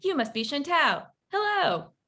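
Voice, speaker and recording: Une femme qui lit un jeune médecin sérieux et empressé, poli et un peu gêné. Elle garde sa propre voix, à peine infléchie, dans une lecture d'histoire. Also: female voice, high-pitched, sing-song, a little slow, bright, forceful tone, pitched above the performer's own voice, full character voice. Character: earnest eager young Burmese-American male doctor.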